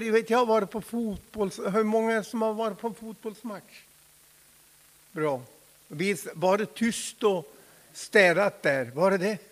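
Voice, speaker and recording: Fervent high-voiced preacher in a big hall. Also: male voice. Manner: fervent, swings from hushed to shouting. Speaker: pastor. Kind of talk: Pentecostal sermon. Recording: long hall reverb.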